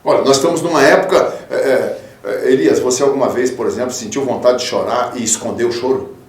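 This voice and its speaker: A man, a pastor, preaching a radio sermon, fatherly and emphatic, swinging from loud peaks to soft low tones. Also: quick pace, echoey room, far from the mic. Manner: fatherly, calls listeners 'filho'. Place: radio studio.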